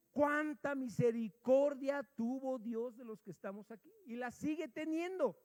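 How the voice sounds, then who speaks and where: A man preaching a sermon, telling a personal story and acting out the dialogue, dropping quiet and then rising loud. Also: extremely high pitch. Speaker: pastor. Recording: long hall reverb.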